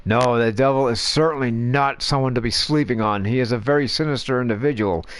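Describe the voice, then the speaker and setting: A man doing color commentary on video game wrestling matches, easygoing and quick to laugh. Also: medium pitch, dry recording.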